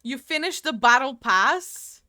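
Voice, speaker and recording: Streaming a game from her home desk mic, this woman rambles chattily to her viewers and reads out replies to chat. She has a high, expressive voice, bright and forceful, and she takes her time. The recording has no room sound.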